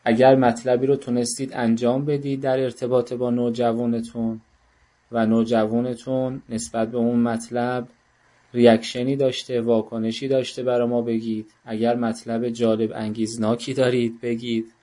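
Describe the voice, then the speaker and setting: Man, workshop instructor, online class, mellow warm tone, coaxing, joking. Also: mid-range voice, level tone. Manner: coaxing, jokey, calls on participants by name.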